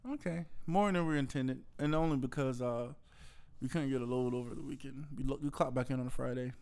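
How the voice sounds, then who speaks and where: Gravelly man chatting casually. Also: mid-range voice, brisk. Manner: animated storytelling, acts out quotes. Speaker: truck-driving vlogger. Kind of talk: casual couple chat. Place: hotel room. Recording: roomy hotel-room sound.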